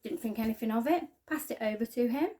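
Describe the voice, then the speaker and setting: A woman giving a halting, earnest personal testimony to camera, often trailing off quietly. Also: on the high side, slight background noise. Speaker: spiking victim sharing her story.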